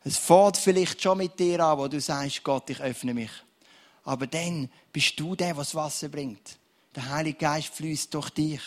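A man preaches in a church service, his voice sitting a touch high. He swings between loud, emphatic scripture reading and hushed prayer, pacing his lines slowly for weight. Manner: animated preaching, reads scripture slowly, drops to soft prayerful tone. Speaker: pastor. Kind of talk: sermon with prayer.

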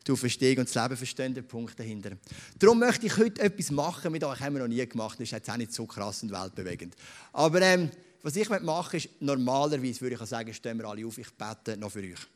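A man with a Swiss German accent preaching a sermon in a church, earnest and pausing often with fillers. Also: medium pitch, expressive. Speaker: pastor. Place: church hall with a live audience. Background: band playing softly.

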